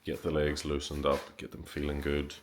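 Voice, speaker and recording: A man's voice: rumbling low, completely flat delivery, moderate pace. An Irish man talking casually to his vlog audience. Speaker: vlogger and endurance racer.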